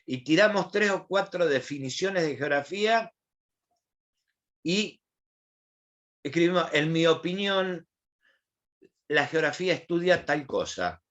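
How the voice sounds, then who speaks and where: A man's voice: a little high, animated, measured pace, pauses often, fairly bright tone, muffled recording. A man with an Argentine accent teaching an online class, asking questions and explaining in a colloquial way. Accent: Argentine Spanish.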